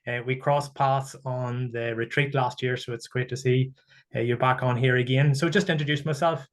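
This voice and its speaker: A man from Ireland, a guest speaker talking in an earnest, steady, reflective way over a video call. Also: mid-range voice, moderate pace. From Northern Ireland. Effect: heard over a video call. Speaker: guest speaker sharing his story. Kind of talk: casual talk on a webinar.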